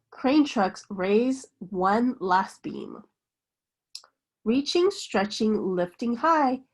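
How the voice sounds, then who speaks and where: Taking her time with every phrase, a woman reads a picture book in a slow, sing-song way, her fairly high voice rising and falling widely. She sounds like a teacher telling young children a bedtime story, with soft shushes woven in.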